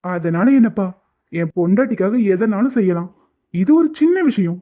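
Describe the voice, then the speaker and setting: A performer voicing a caring, affectionate young husband in a cartoon, speaking gently and soothingly. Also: mid-range voice, expressive, normal speed, natural voice. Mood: gentle. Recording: tinny phone-like audio.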